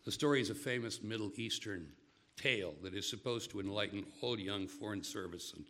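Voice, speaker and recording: An older man giving a lecture. He speaks in a measured way and breaks off into stories and asides. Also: on the low side, a bit bright.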